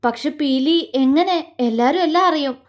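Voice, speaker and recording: Female narrator doing a calm young man, soft and reassuring, in a higher voice. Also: a little slow. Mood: soothing. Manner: soothing, reassuring. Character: gentle young man comforting his sister.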